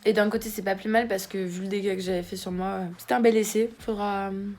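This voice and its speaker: A woman's voice: medium pitch, fairly even intonation, fast, a little mellow. A woman in her twenties talking frankly in a casual vlog. She swears now and then and uses many fillers, recorded on a phone camera. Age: 20s. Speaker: vlogger. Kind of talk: casual confessional vlog chat.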